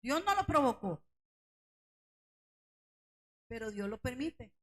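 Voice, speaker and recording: High-pitched female Bible teacher, engaging the congregation with questions, building to fervent near-shouted emphasis. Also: big pitch swings, takes it slowly, rough recording. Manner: questions the congregation and calls them brothers; voice rises to near shouting on key points. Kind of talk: church Bible study teaching.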